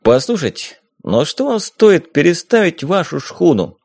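A man's voice: a little high, big pitch swings, unhurried, gravelly, darkish tone, no room sound, studio quality, pitched above the performer's own voice, full character voice. A man voicing a pretty, strict young woman who lectures earnestly in an audiobook. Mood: insistent.

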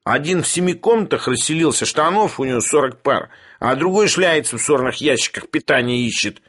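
A man reading an audiobook, voicing a crude, brash young man who was once a dog, with a husky voice and a coarse, whiny way of talking. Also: animated, a little fast, fairly bright tone. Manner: coarse, whiny, shrill when scared. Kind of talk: audiobook character voice.

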